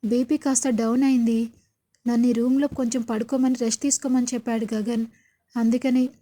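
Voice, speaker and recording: A woman reading the lines of a tired, weak older mother in a serial retelling, speaking softly and wearily. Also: fairly high pitch, little pitch movement, a little fast, lightly acted. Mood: weary. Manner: soft, weary speech.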